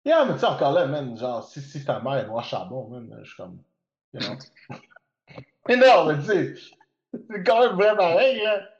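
A man's voice: a little high, very animated, normal speed, long pauses, echoey room, muffled recording. A man co-hosting a podcast in casual chat, mixing English into his with lots of fillers. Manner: chatty, mixes English into French, many fillers. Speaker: podcast co-host.

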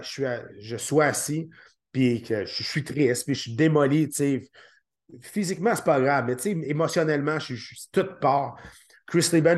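A man with a Québécois French accent speaks as a guest on a podcast. He talks haltingly and often restarts his words as he recounts things. His voice sits in a middle pitch for a man. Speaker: guest, former fighter. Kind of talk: podcast interview.

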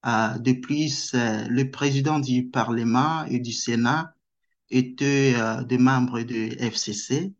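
A man who is a guest researcher answers interview questions slowly and hesitantly, with many pauses and fillers. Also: medium pitch. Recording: dull lo-fi sound.

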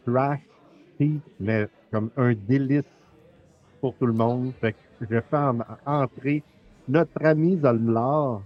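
Teasing Québécois podcast host. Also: male voice, mid-range voice, slow, muffled recording. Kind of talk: casual podcast chat.

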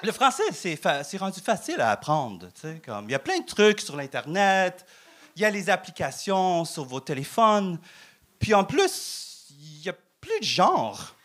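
A man from Vietnam with a Vietnamese accent doing a stand-up comedy set in halting, broken French, tagging his lines with "hein?". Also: sits high, big pitch swings, a bit bright. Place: live comedy club stage. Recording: noisy live club recording.

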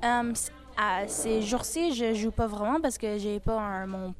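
A woman's voice: mid-range voice, measured pace. A woman with a Québécois French accent being interviewed in a casual chat, hesitant and searching for words.

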